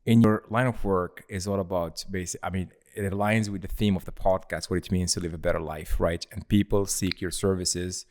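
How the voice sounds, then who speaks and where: A man's voice: low-pitched, steady tone, fairly quick, few pauses, a little mellow. A man co-hosting a podcast, asking questions in a friendly, inquisitive way. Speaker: podcast co-host. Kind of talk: casual podcast interview.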